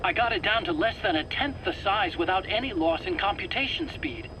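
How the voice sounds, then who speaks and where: In a video game drama, a man plays an anxious, defensive weapons scientist who explains eagerly, hesitating, stammering, pleading and justifying himself. His high-pitched voice is animated, fairly quick, pushed and bright, on a rough interrogation-tape recording with clear background noise.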